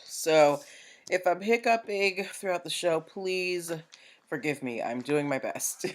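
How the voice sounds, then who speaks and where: A woman's voice: lowish voice, slow, slight background noise. A woman hosting a live-streamed show about business and legal topics, chatty and upbeat, talking straight to viewers, with the hiccups. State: has the hiccups. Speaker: host.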